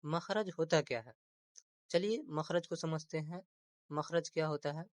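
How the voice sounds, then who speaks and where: Man teaching grammar slowly, dry close sound. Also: on the high side, no room sound. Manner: repeats terms slowly, asks rhetorical questions; mixes English words into teaching. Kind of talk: explanatory grammar lesson.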